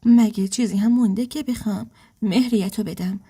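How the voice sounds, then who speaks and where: A woman voicing a scornful, mocking husband in a spoken story, barely changing her own breathy voice. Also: high voice, fairly even intonation, dark tone. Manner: mocking, dismissive. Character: scornful cheating husband, middle-aged man.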